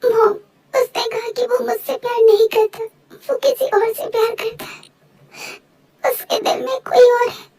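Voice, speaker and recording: A woman's voice: very high-pitched, a little fast, a little mellow. A woman voicing an emotional young college girl in a fan voice-over drama. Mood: crying. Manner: emotional, sobbing when hurt.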